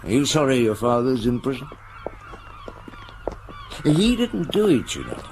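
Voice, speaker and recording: An actor playing a patient middle-aged chief inspector in a radio drama, questioning deliberately and kindly. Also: male voice, mid-range voice, big pitch swings, creaky, background noise. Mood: gently probing. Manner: questioning, deliberate, gently coaxing. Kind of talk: naturalistic radio drama acting.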